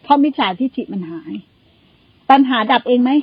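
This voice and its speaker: Woman, Buddhist nun teacher, high voice, blunt and coarse, rhetorical questions, dull dry lo-fi sound. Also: brisk, husky, no room sound. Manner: blunt and coarse, uses crude familiar pronouns; keeps asking rhetorical questions. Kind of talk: conversational dharma talk.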